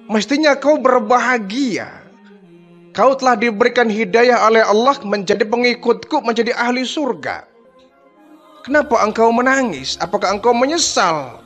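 A man voicing a gentle male religious leader who welcomes and reassures a newcomer in a retold story. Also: very high voice, voice pushed up. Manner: warm, reassuring address.

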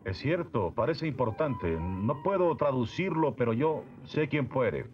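A young heroic cartoon prince with a Latin American accent. His mid-pitched voice is reassuring and melodic. The old dub is slightly muffled. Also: sing-song, unhurried, faint music behind.

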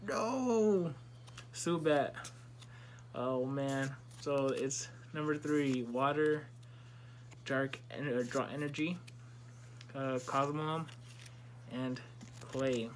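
Young man, mouth full, muffled words, slow halting delivery, casual vlog commentary, noisy home recording. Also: medium pitch, little pitch movement. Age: young adult. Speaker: video host opening trading cards. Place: indoor room at home, seated. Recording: noisy room, crinkling card packs.

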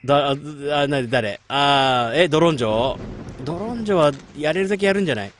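A man's voice: fairly high pitch, expressive, fast. A man streaming a game late at night, chatting casually and muttering reactions to the gameplay. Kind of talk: late-night casual chat while gaming.

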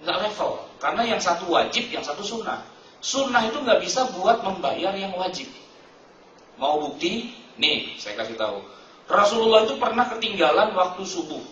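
A man preaches in a loose, joking way and keeps calling his listeners "Pak". His voice sits a little high. The sound is dull and comes from a distant mic in an echoey hall. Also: expressive, normal speed, a bit bright, slight background noise. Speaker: Islamic preacher. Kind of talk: informal sermon. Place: mosque hall.

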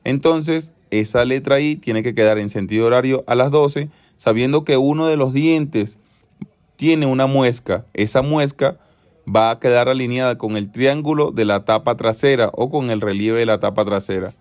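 A man's voice: mid-range voice, normal speed, a little mellow. Methodical man explaining engine repair. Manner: methodical, repeats key steps; self-corrects mid-sentence. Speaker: car mechanic, channel host. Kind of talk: instructional how-to narration.

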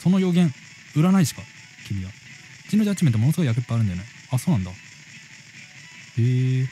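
A man's voice: medium pitch, big pitch swings, fast talker, mellow, faint music behind, low-quality recording. A man streaming a game from a room at home, chatting casually and reacting to viewer comments as he reads them aloud. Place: room at home near neighbors.

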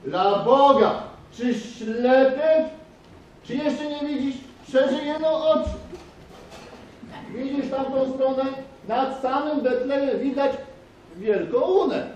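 A man playing a startled young shepherd in a school nativity play, declaiming rhymed verse with excitement. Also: very high voice, takes it slowly, lo-fi sound. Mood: urgent. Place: school stage, indoors. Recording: echoey hall, distant mic, faint noise.

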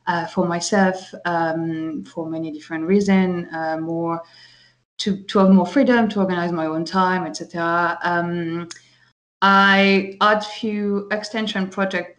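A woman's voice: on the low side, a bit bright. A woman in her thirties from France with a French accent, talking casually as an architect guest, with many fillers and restarts. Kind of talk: casual interview chat.

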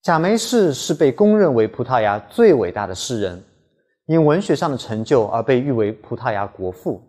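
Male language teacher, scripted lesson read; animated intonation, slightly raspy tone, careful pronunciation drills. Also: medium pitch. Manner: careful, slows down to model pronunciation.

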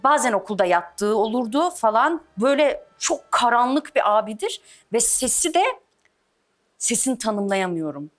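A young woman chatting as a guest on a talk show stage, telling stories in a playful, animated way. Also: fairly high pitch, moderate pace, soft background music. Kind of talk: casual talk show chat.

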